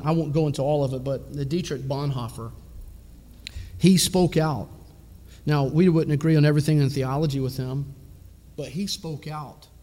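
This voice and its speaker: A man's voice: a little high, mellow, long reverb tail. A man preaching a sermon as a pastor, impassioned, driving his points home with rhetorical questions.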